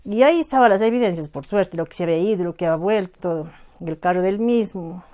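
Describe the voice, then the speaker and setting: A middle-aged woman with a southern Andean Ecuadorian accent, giving personal testimony as a victim's mother, halting and emotional, full of reported speech. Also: on the low side, dark tone. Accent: southern Andean Ecuadorian Spanish, Azuay.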